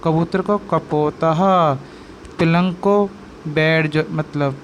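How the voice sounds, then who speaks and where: Man, children's language teacher, slow repeated words, screen-recorded voice-over, faint background noise. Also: a little high, steady tone. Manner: repeats each word slowly with call-and-response questions. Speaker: Sanskrit teacher. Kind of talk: teaching lesson to children over picture slides.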